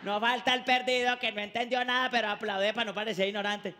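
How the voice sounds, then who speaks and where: A Colombian man doing a lively, mocking stand-up comedy routine with quick voice changes, at a live show. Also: sits high. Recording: reverberant hall, faint noise.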